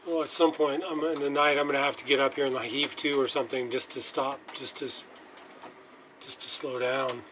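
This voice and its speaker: A man's voice: medium pitch, little pitch movement, fairly quick, sharp tone, poor audio. Man in his fifties, solo sailing vlog, rambling self-talk, camera at arm's length, light sea noise behind. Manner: rambling, self-talking, with restarts and muttered curses. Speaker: solo sailor vlogger. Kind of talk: casual self-filmed vlog. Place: small sailboat at sea, cabin and open deck. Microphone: handheld camera at arm's length.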